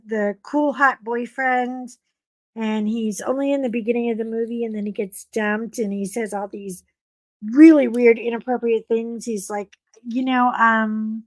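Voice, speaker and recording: This is a middle-aged woman telling a story and chatting to viewers during a casual live stream. Her voice is a bit froggy and her greetings rise and fall in big swoops, though her intonation is otherwise fairly even. She keeps a measured pace, with no echo.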